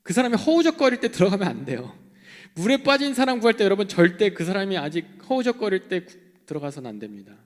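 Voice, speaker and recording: A young man preaching a sermon in an animated way, swinging between loud outbursts and hushed asides. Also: high voice, fast. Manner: animated, acting out quoted voices, shifting between loud and hushed. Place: church hall. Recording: long hall reverb.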